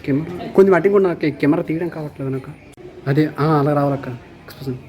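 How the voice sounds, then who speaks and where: A woman's voice: low voice, fast talker, background noise. A woman directing actors on a film set, coaxing them with repeated cues to get ready and stay serious.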